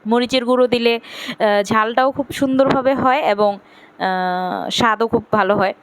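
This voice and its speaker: A woman's voice: on the high side, fairly even intonation, normal speed, slight background noise. A young woman from Bangladesh, a mother, narrating her family vlog in a chatty, step-by-step way with many fillers. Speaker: vlogger, mother of young children. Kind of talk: casual vlog voice-over narration.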